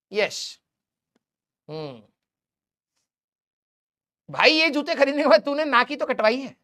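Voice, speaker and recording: In a playful classroom lecture, a male physics teacher makes fun of his students while he draws. He speaks in a very high, bright voice with a forceful tone. His manner is teasing.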